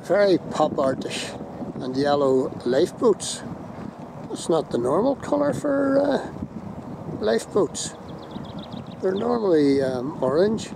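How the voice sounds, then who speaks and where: A middle-aged Northern Irish vlogger with a high, sing-song voice and vocal fry talks slowly, leaving long pauses. Out on a windy hilltop viewpoint, he rambles through casual walking commentary with fillers and self-corrections, and wind rumbles on his handheld phone camera mic.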